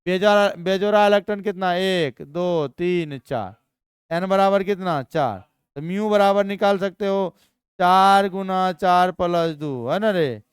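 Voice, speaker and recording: A man teaching chemistry in a live class, energetic and constantly quizzing his students. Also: high-pitched, unhurried, smooth, dry recording, studio quality.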